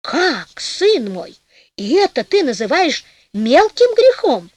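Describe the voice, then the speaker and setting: Pompous gullible old priest, slow, solemn, reproachful, put on by a woman narrator. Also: a little high, lively intonation, no room sound.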